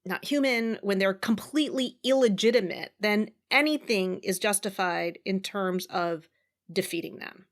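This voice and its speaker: Female co-host, measured and reflective, casual conversational delivery. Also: medium pitch. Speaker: podcast co-host.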